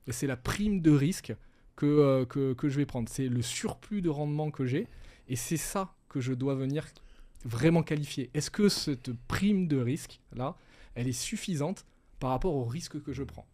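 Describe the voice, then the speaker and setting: A man with a mellow, relaxed voice talks through ideas patiently, one step at a time. He is a middle-aged guest advisor in a casual interview, steady and explanatory. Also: fairly high pitch, moderate pace. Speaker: wealth management advisor, guest.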